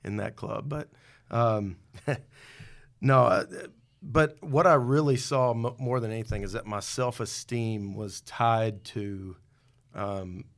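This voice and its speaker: A man's voice: fairly low pitch, slow pace, gravelly. A middle-aged man, a podcast guest, telling his own story in a candid, reflective way with some self-deprecating humor. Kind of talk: personal testimony in a podcast interview.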